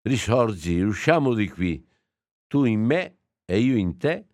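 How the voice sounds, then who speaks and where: A man, a priest, giving a homily and slowly reading an old text aloud, reflective and with small hesitations. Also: lowish voice, big pitch swings, a little mellow, no echo, studio quality.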